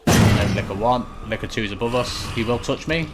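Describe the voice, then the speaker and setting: A man gives a casual, matter-of-fact video game walkthrough, explaining and reassuring as he plays. His pitch is fairly low and he talks a little fast. It's clearly a noisy home recording.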